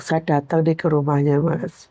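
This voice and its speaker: Gravelly Javanese woman telling a tearful story. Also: low voice, flat delivery, moderate pace, warm tone, dry recording. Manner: tearful, earnest, addresses listener as Mas. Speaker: storytelling guest. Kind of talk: emotional personal account.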